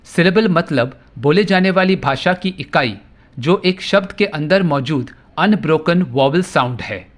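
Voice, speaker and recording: A man teaching homeopathy, reading out each term slowly and deliberately before he explains it. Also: on the high side, animated. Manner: reads terms out slowly and deliberately. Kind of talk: slow explanatory lecture.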